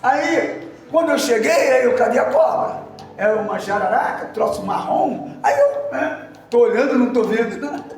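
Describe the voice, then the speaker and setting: A man preaching in a church with a very high voice, telling his story with shouted emphasis and bursts of laughter. He is heard from a distance in a strongly echoing hall. Faint music plays behind him. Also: big pitch swings, moderate pace. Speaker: deacon preacher. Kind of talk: sermon. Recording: echoey hall from far off with music.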